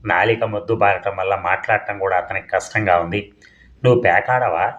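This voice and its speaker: Low-voiced male novel reader. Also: steady tone, fairly quick, a bit bright. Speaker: audiobook narrator. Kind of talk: reading a novel aloud. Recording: dull, echoey room.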